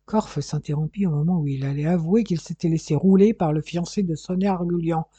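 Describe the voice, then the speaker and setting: A man narrates a detective novel with steady, measured reading. His voice is very dark and somewhat husky. The recording is dry and close. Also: a little high, no room sound. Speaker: audiobook narrator.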